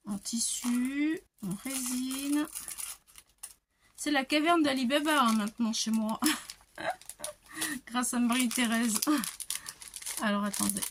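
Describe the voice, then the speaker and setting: An older woman at home doing a crafting unboxing, gushing over each item and often dropping to soft whispers. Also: on the high side, slight background noise. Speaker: crafting vlogger. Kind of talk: unboxing show-and-tell. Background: paper crinkling and handling clicks.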